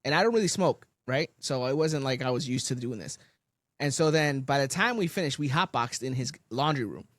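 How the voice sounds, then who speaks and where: Young New man, podcast co-host, swears and acts out quotes, lively pitch, dry sound. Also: brisk, dry recording. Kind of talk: casual storytelling chat.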